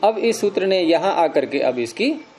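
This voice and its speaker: A male teacher walks through a grammar lesson at a patient, step-by-step pace, putting questions to the class and answering them himself. His voice sits a little on the high side for a man. A faint hum of background noise lies under the talk. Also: very animated, normal speed, darkish tone.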